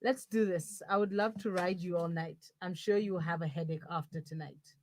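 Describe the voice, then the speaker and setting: A woman's voice: lowish voice, steady tone, fairly quick, a little hiss or hum, close to an everyday voice. A woman playing a blunt young woman trapped in her boyfriend's body, dry and sarcastic, in a comic audio drama. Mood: teasing.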